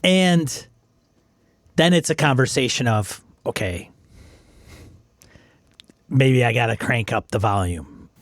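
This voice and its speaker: A man with an ordinary mid-range voice chats casually about tabletop games. He speaks in a measured way, pausing and trailing off as he thinks. The recording is dry and close. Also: medium pitch, animated, no echo. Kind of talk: casual gaming chat.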